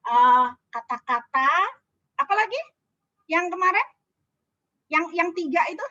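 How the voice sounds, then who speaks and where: A woman's voice: very high-pitched, lively intonation, a little slow, pushed and bright, no room sound. A woman trainer giving chatty feedback to a class over a video call, often asking them questions. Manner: chatty, asks the class questions, laughs easily. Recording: dull lo-fi video call audio.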